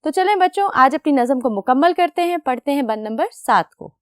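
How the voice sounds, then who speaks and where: A young woman teacher with a fairly high, lively voice that swings up and down as she explains. She patiently puts questions to the children and answers them herself. The recording is close and dry, with no room sound. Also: fairly quick, no room sound. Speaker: school teacher. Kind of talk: recorded classroom lecture.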